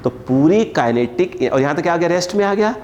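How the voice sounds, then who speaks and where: A man's voice: a little high, lively intonation, a little fast, a little mellow, a little hiss or hum. A man teaching physics to a class at a board, stretching key terms and constantly asking students to answer back.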